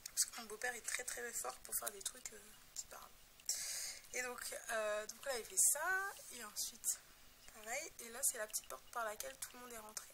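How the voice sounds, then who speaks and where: A woman's voice: a little high, normal speed, creaky, background noise. Chatty, rambling woman showing crafts. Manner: rambling, hesitant, many fillers, self-deprecating. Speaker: scrapbook crafter presenting her album. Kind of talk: casual show-and-tell narration.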